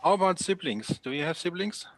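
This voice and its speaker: A man's voice: a little high, expressive, fairly quick, slight background noise. A man whose first language is German, interviewing a guest with hesitant questions full of filler sounds.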